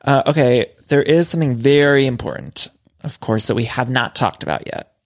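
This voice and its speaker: A man's voice: medium pitch, normal speed, no room sound, clean studio sound. A man co-hosting a casual podcast, chatty and joking, often trailing off mid-thought. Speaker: podcast co-host.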